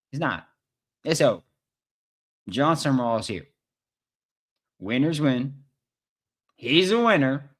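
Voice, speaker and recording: A man hosting a live sports podcast, talking in an excitable, hype-driven way and repeating lines for emphasis. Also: mid-range voice. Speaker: podcast host. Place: recording in England.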